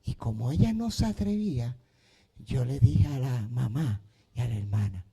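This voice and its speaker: A man's voice: mid-range voice, expressive, moderate pace, gravelly, dark tone. A male pastor preaching a sermon in a church, telling a story and then pleading with the congregation in repeated calls. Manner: repetitive, pleading invitations. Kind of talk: sermon with storytelling and altar call.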